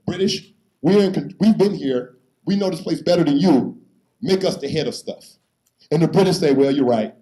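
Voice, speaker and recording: A man's voice: fairly high pitch, warm tone, rough recording. A man giving a public history lecture, conversational and emphatic, repeating key phrases and acting out quotes to a live audience.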